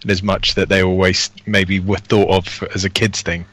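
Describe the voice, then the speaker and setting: Guy with a lowish voice co-hosting, calm and thoughtful. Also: normal speed. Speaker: podcast co-host. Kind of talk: casual podcast chat.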